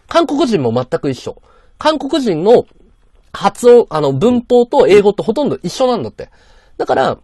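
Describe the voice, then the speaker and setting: A man's voice: high-pitched, warm tone, husky, no echo, clean studio sound. A man chatting on a live stream, lecturing in a rambling way and answering viewer comments. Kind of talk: casual livestream chat reading viewer comments.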